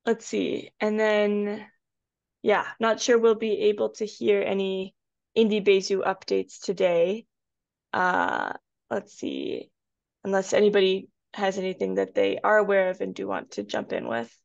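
A woman hosts an informal meeting on a video call, sounding tentative and hesitant, and the audio is muffled. Her voice is medium-pitched, animated, and creaky, with a slightly slow pace and no echo.

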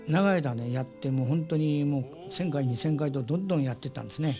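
A man's voice: on the high side, quick pace, over music. A puppeteer man talking earnestly and reflectively about his craft in an interview. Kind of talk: interview talk.

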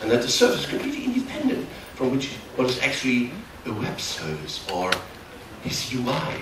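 A middle-aged conference speaker from Germany, near the Dutch border, delivers a technical workshop in a big darkened hall with a German accent. His medium-pitched voice swings hugely in pitch as he stumbles and corrects himself, heard through a distant camera mic amid echo and background noise.

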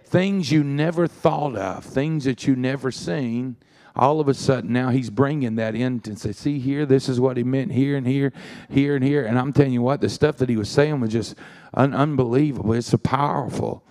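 A man's voice: mid-range voice, normal speed, a little mellow. A man preaching a sermon in a church, telling folksy stories and dropping frequent amens. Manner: folksy storytelling with frequent "amen"s.

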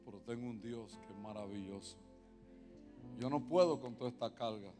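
A man preaching a sermon as pastor, moving from quiet confiding talk to loud, impassioned preaching and slipping in English words. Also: lowish voice, normal speed. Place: large church hall. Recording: long hall reverb with music behind.

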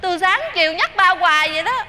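An actress playing a pleading young country sweetheart with a Southern Vietnamese accent, coaxing and chatty. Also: female voice, very high voice, expressive, fast, background noise.

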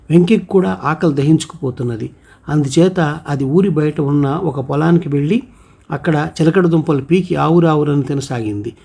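A man narrating a folk tale in a steady storytelling manner, voicing the characters' lines himself. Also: fairly high pitch, creaky, breathy edge. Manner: steady storytelling with voiced quotes.

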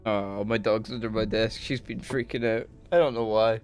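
A man's voice: fairly low pitch, steady tone, moderate pace, smooth, soft background music. Exasperated swearing male streamer. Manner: exasperated, swearing, bursts into yelling. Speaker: game streamer. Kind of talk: live gameplay commentary. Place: home desk.

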